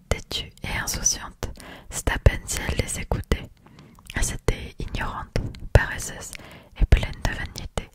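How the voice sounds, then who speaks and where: A reader whispering a classic novel in a soft, unvoiced ASMR style, as a scripted literary narration.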